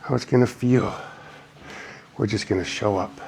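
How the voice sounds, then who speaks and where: A man's voice: on the low side, steady tone, normal speed, vocal fry, a little mellow, slight background noise. A man leading a beginner trampoline workout, giving encouraging cues and getting out of breath as he bounces. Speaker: fitness instructor. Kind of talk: guided workout instruction.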